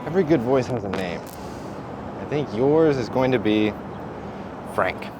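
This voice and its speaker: A man speaking gently and encouragingly to his talking speaker friend, outdoors in a city with music behind. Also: mid-range voice, lively intonation, a little slow, noisy background, close to an everyday voice. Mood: upbeat. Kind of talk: scripted short-film acting.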